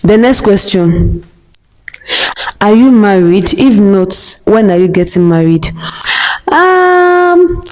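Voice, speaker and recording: A young Nigerian woman with a Nigerian accent who reads her viewers' questions aloud and answers them slowly and deliberately, with short laughs between answers. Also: medium pitch, expressive, a little mellow, rough recording. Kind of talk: scripted question-and-answer monologue.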